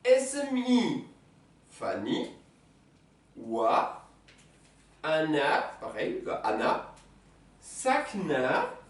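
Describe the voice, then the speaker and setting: A teacher giving a beginner's language lesson in a classroom, patiently repeating words slowly and checking that students follow. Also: medium pitch, wildly swooping pitch. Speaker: Arabic teacher. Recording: roomy sound from a distant mic.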